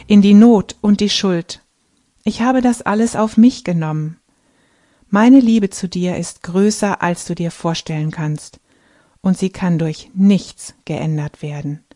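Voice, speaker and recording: A woman reading the lines of a gentle divine voice that speaks of peace, joy and love, in a solemn storytelling manner. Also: medium pitch, a little slow, lightly acted.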